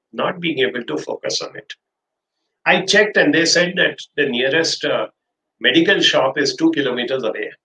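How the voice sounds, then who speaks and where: An older man with an Indian accent teaches through everyday stories, voicing the dialogue himself. His voice sits a little high, recorded on a webcam in a roomy, echoing office with faint noise. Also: a bit bright, highs cut off. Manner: acts out dialogue in anecdotes. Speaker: trainer giving an online class. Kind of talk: illustrative storytelling lecture. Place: small indoor office. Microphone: webcam livestream from desk distance. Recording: roomy echo with background noise.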